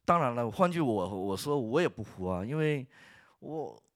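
Man, worship leader, church testimony, earnest, halting restarts, mid pitch, dry close sound. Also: very animated, fairly bright tone, dry recording.

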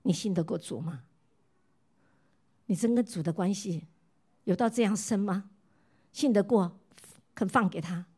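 A woman's voice: mid-range voice, unhurried, long pauses, slightly rough. Middle-aged woman from Taiwan preaching. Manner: asks the listeners repeated questions; tells stories warmly and lets her voice drop soft. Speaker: pastor's wife preaching. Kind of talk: sermon with personal testimony.

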